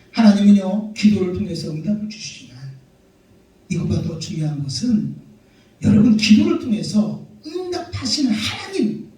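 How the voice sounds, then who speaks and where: A man's voice: sits high, warm tone. A man, a pastor, preaching a sermon emphatically, full of rhetorical questions and repeated amens. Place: church sanctuary. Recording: very echoey church hall, mic far off.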